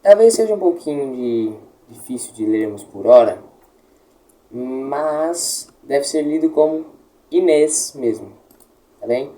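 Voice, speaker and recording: A man gives a Latin pronunciation lesson in a dark, mellow voice. He talks slowly and patiently, spelling out each sound and checking that his listeners follow. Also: medium pitch, expressive, low-quality recording. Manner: patient, explains slowly, checks with "tá?" and models words. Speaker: Latin teacher.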